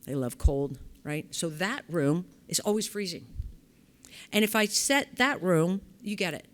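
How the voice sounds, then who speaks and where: A woman's voice: lowish voice, animated, unhurried. A middle-aged woman presenting at a conference, chatty and conversational, often checking in with rhetorical questions and acting out quoted remarks. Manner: conversational, asks the audience rhetorical questions, acts out quoted speech. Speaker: conference presenter on facility assessment. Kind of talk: lively conference talk. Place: conference session room.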